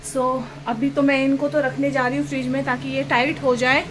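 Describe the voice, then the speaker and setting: A middle-aged woman with a somewhat high voice chats her way through a home cooking vlog, walking viewers through each step. She is recorded on a nearby phone in a home kitchen, with clear background noise and the clink of pots and dishes around her. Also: level tone, brisk, rough recording. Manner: chatty, step-by-step, addresses viewers directly. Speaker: cooking vlogger. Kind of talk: casual cooking vlog narration. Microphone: phone camera held nearby.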